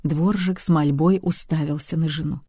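A narrator reading a detective audiobook with expressive, even delivery on a close mic. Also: mid-range voice, normal speed, husky, no room sound.

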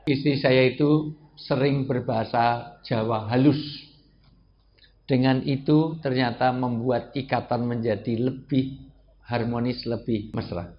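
A middle-aged man giving a humorous religious lecture, joking with his audience and breaking into loud bursts of emphasis. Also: medium pitch. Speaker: preacher. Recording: dull lo-fi recording with faint background hiss.

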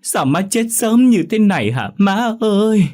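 A man voicing a grown son who wails loudly and theatrically beside a coffin, faking grief. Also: big pitch swings, measured pace. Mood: wailing. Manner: theatrical high wailing. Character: loudly wailing fake-grieving grown son.

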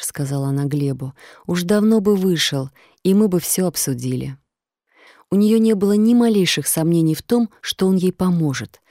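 A woman reading an audiobook as its narrator, telling the story in a calm, measured way. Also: low-pitched, dry recording, studio quality.

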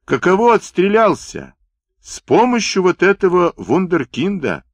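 A man voicing a young naval lieutenant who shouts in a teasing, mocking way in a storybook reading. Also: fairly high pitch, wildly swooping pitch, moderate pace, husky, pitched above the performer's own voice, exaggerated voice.

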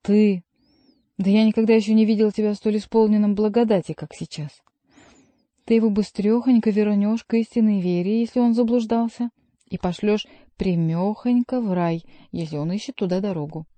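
A woman's voice: mid-range voice, moderate pace, dark tone, no echo, close to an everyday voice. Woman reading a stern scolding jester. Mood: commanding.

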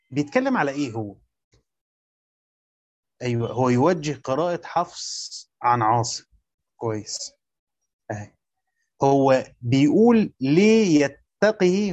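A man's voice: fairly high pitch, darkish tone, lo-fi sound. A man with an Egyptian accent teaching a lesson on Quran commentary, explaining step by step and quizzing his listeners with repeated questions. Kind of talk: classroom lecture on Quran exegesis.

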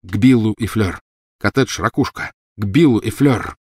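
A man's voice: fairly low pitch, normal speed, slightly rough, no room sound, clean studio sound. A male narrator voicing an urgent, determined teenage boy wizard in an audiobook.

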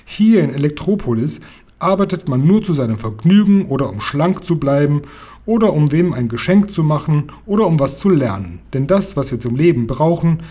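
Eine freundliche alte Dame aus einem vorgelesenen Kinderbuch, von einem Mann gesprochen, die geduldig und manchmal streng erklärt. Die Stimme liegt etwas höher, klingt weich und dunkel gefärbt und leicht heiser. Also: male voice, fairly high pitch, sing-song, moderate pace, mellow, breathy edge. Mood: friendly explaining. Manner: friendly, patiently explaining, occasionally stern. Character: kind, calm old lady in a car. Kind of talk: reading a children's book aloud.

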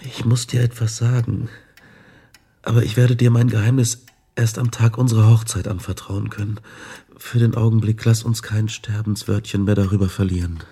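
An actor playing Viktor Frankenstein, a haunted, grieving man who speaks haltingly and broodingly in a radio drama. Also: lowish voice, level tone, warm tone, slightly rough. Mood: subdued, guarded. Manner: halting, brooding, confessional delivery. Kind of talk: radio drama acting and narration.

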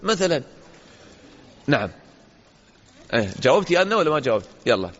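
Sheikh teaching kids in a hall. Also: male voice, fairly high pitch, big pitch swings, fast talker, fairly bright tone. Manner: questions pupils, praises answers, acts out dialogues. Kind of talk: interactive religious lesson. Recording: dull lo-fi audio in a reverberant hall.

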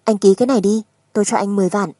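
A woman's voice: mid-range voice, steady tone, a little fast, dark tone, husky, no room sound, close to an everyday voice. A woman narrator voicing a resolute, composed wife who speaks firmly and insistently in a dramatic audiobook. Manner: firm, controlled, insistent. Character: resolute, composed young wife demanding a divorce.

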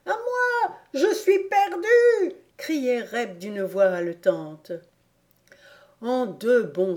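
Woman audiobook narrator, slow pace, measured, mid pitch. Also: warm tone. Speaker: audiobook reader. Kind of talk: scripted narration.

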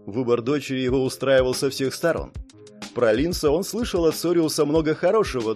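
A man reading a fantasy audiobook in a steady, measured narration. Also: medium pitch. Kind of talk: scripted narration.

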